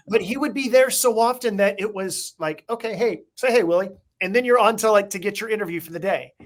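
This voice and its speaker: A middle-aged man co-hosting a podcast, a former baseball beat writer, telling casual nostalgic stories in a reflective way. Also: high voice. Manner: reflective, nostalgic, drawn-out anecdotes. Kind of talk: casual conversational storytelling.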